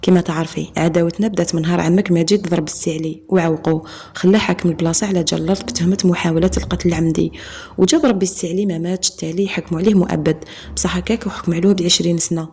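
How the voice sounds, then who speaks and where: A woman's voice: lowish voice, fairly even intonation, very fast, mellow, a little hiss or hum, natural voice. A woman with an Algerian accent voicing a worried, apologetic middle-aged father in a told story. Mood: grave. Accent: Algerian Arabic. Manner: grave, apologetic. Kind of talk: storytelling narration.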